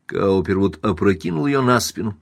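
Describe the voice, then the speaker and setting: A male narrator reads a classic novel for an audiobook, delivering it in a dramatic, measured, and animated way. His voice is on the low side and a bit creaky, with a dry, close recording free of room sound.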